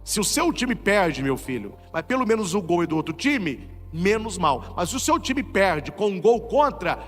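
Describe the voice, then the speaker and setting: Lively high-voiced Brazilian priest preaching. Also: male voice, normal speed, long reverb tail, soft background music. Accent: Brazilian Portuguese. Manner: animated preaching with rhetorical questions. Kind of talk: sermon.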